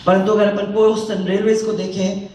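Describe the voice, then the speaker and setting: A woman from India, giving a deliberate, oratorical public speech to an audience in a large hall. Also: level tone, dark tone. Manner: deliberate, oratorical, mixing Hindi and English. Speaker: political speaker. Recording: booming hall echo, voice from far off.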